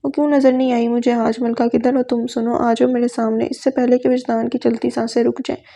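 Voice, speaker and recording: Woman reading as a desperate young male teacher, pleading, flat gravelly voice. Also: fairly high pitch. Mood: anxious. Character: anguished young man, a teacher, praying in fear.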